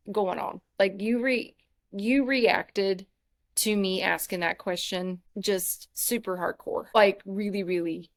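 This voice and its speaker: Chatty woman podcast co-host. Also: mid-range voice. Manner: animated storytelling, many fillers and restarts. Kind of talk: casual chat.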